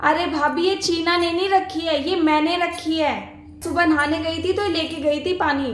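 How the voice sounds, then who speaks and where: A woman's voice: very high voice, fairly even intonation, moderate pace, a little hiss or hum. A woman playing a bossy sister-in-law. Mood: complaining. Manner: bossy, complaining, commanding. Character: demanding bossy married sister-in-law visiting home. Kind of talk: homemade family skit acting. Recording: echoey room.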